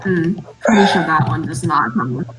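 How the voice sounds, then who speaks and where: A woman playing in a tabletop game, animated and jokey. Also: deep voice, moderate pace, over music, low-quality recording. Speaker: player. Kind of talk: casual tabletop play.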